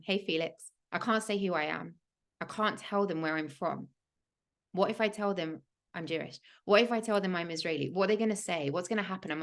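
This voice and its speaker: A woman's voice: on the low side, fairly bright tone. A woman, hosting a livestream and telling a personal story in an earnest, emphatic way with many "like" fillers. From England. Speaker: host of a spiritual podcast.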